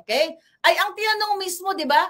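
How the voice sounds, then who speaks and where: A woman's voice: extremely high pitch, a little fast, a bit bright. A woman from the Philippines doing casual political commentary, mocking and combative, talking straight to her viewers.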